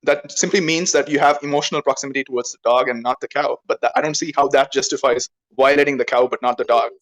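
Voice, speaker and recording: Fast-talking man pressing his argument. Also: mid-range voice, steady tone, fairly bright tone, low-quality recording. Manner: rapid, insistent, leans on "right?" tags and logic terms. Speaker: debater. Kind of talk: heated online debate.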